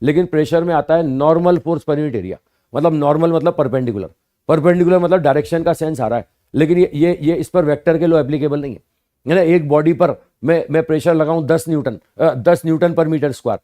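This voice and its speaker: Slow, patient physics teacher, mellow voice. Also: male voice, on the high side. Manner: slow, repetitive explaining with rhetorical questions; addresses students as "bhaiya" and "sahab". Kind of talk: classroom lecture.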